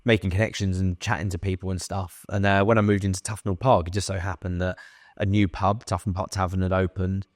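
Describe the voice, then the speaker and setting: A young man telling a workplace story as a podcast guest, animated and swearing freely as he acts out what people said. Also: low-pitched, a little fast, no room sound, studio quality. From England. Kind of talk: casual storytelling.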